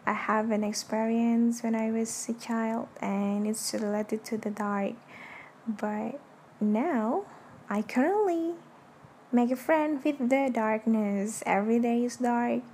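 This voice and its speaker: A young Indonesian woman, Indonesian being her first language, hosts her own podcast from bed late at night, speaking softly, slowly and casually in a hushed, rather high voice. The bedroom is dark, and an electric fan hums in the background.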